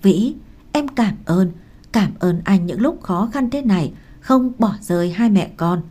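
A woman reading a worn-out, gentle young mother. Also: mid-range voice, animated, measured pace, husky. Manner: gentle, tired. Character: exhausted young mother, worried but gentle.

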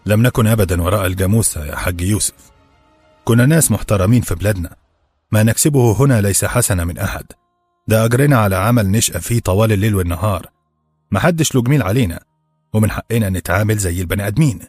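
A defiant young servant with an Egyptian accent argues with firm, impassioned conviction, as a male narrator voices him. The voice sits low and a little husky, in a dry, close recording with faint music behind. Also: fast, a little mellow, no echo. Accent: Egyptian Arabic.

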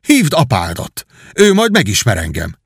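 A man's voice: medium pitch, wildly swooping pitch, gravelly, husky, no echo, studio quality, exaggerated voice. A man voicing a desperate young nobleman who pleads and argues in agitated outbursts. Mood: hopeful.

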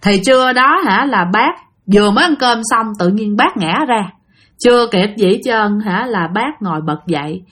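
A woman's voice: medium pitch, lively intonation, normal speed, fairly bright tone. A woman telling a ghost story in a chatty way, talking straight to her listeners. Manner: chatty, addresses listeners directly.

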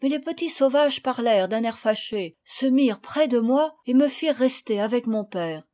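A woman reading a children's novel aloud, with calm, measured storytelling that rises in dramatic moments. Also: a little high. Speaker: audiobook reader. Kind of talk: scripted narration.

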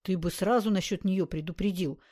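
Woman doing a gruff surly thug. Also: fairly low pitch, fairly quick, darkish tone, close to an everyday voice. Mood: sullen. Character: surly heavy-faced male thug, sullen and crude.

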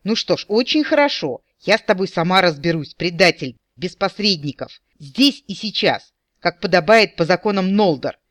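A furious young elf warrior woman screeches her accusations in a high, strained voice, as a male narrator puts her on. The recording is dry and close, with no room sound. It reads as a fantasy audiobook scene. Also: lively intonation, normal speed, dry recording. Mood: shrill, furious. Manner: shrill, hysterical shouting.

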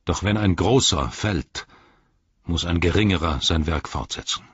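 A man's voice: low voice, unhurried, husky, dry recording, lo-fi sound. Aragorn, a man reading a grave solemn ranger. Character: grieving grave royal ranger, male, adult.

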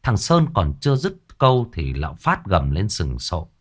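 A man narrating a ghost story in a dramatic, expressive way. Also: low voice, moderate pace.

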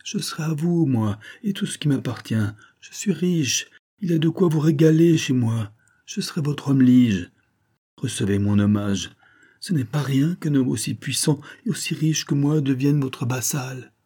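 A man's voice: on the low side, big pitch swings, normal speed, dark tone, husky. A man voicing a miserly peasant who weeps and pleads for mercy, in a storybook reading. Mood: pleading, tearful. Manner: pleading, tearful.

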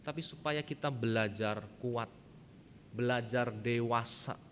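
A man preaching a sermon in a reverberant church sanctuary, his voice bright and forceful. He tells stories in a lively way, often turning to speak straight to the congregation. A faint rumble sits under the long hall reverb. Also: unhurried. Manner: lively storytelling with frequent asides to the congregation. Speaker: pastor.

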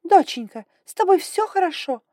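A woman's voice: very high-pitched, expressive, moderate pace, dark tone, dry recording, studio quality, pitched above the performer's own voice. A woman reading an audiobook, voicing a doting, hot-tempered female dragon mother who exclaims shrilly. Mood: alarmed.

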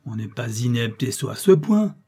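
A man voicing an irascible, scheming older male employment agent who switches between smooth courtesy and temper. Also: mid-range voice, big pitch swings, normal speed, dark tone. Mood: angry. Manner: shifts from bland courtesy to bursts of temper.

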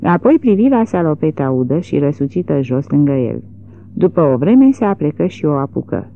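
A woman narrates a literary novel in a measured, expressive way. Her voice is low but moves freely through its range. The audio is narrow and tinny, like a phone line. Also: gravelly.

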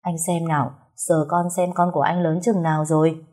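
A woman reading the lines of a young man just woken from a coma, in a quiet, trembling murmur. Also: low-pitched, level tone, a little fast. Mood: tender.

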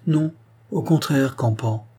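A man's voice: medium pitch, takes it slowly, warm tone, slightly rough, pitched above the performer's own voice. A man reading an audiobook voices a proud, anguished queen, speaking in a dignified, bitter, commanding way. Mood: melancholy. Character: proud anguished queen, woman, middle-aged. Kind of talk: audiobook character voice.

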